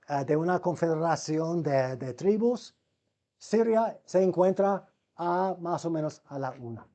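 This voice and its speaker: A man's voice: on the high side, warm tone. A man giving a seminary Bible lecture, calling his listeners brothers, asking them rhetorical questions and often restarting words mid-sentence. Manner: asks the class rhetorical questions.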